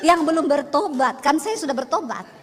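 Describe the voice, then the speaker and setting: A middle-aged woman pastor with a Sulawesi accent, preaching in a very high, quick voice. She tells her points as lively stories and acts out the voices. Her words echo with a long reverb in a large church hall. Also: a little hiss or hum. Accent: Sulawesi Indonesian. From Sulawesi, Indonesia. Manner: animated storytelling, acts out voices. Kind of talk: sermon.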